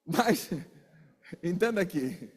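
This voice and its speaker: A man preaching a sermon, animated, asking his listeners questions and acting out little exchanges. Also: high voice, very slow, husky, long reverb tail. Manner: animated, asks the congregation questions and acts out quarrels.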